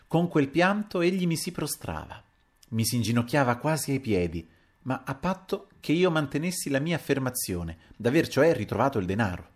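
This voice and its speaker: A man narrating a classic novel as an audiobook, reading in a measured, expressive way. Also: mid-range voice.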